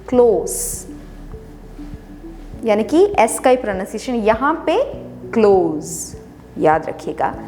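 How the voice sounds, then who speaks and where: A woman's voice: a little high, darkish tone. A woman explaining English words in Hindi, spelling them out letter by letter and repeating each one patiently. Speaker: English teacher. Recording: long reverb with music behind.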